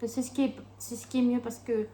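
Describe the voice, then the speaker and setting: Higher-voiced, slangy Frenchwoman chatting casually. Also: flat delivery, fast, mellow. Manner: informal, slangy. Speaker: co-host of a tasting video. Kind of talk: casual tasting chat. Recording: faint background noise.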